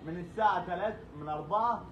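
A young Egyptian man works a live sales stream like a booming prize announcer. His high voice races along, hammering the same phrases over and over. The room is echoey. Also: very fast, fairly bright tone, highs cut off. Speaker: live sales host in a homeware shop. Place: small shop, indoors. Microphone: phone camera a short way off. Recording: echoey room with faint noise.

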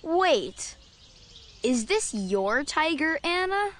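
An eager, curious young child in a course book audio dialogue. Her voice is high and bouncy. She asks her questions slowly. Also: very animated, a bit bright, heavily acted.

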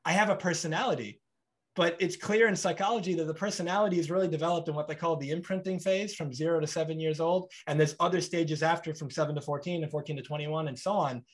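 A podcast host in his thirties talks quickly in a fairly high-pitched voice during a conversational video-call interview. He sits in a bright home room, gesturing broadly and animatedly acting out both voices in small back-and-forth scenes.

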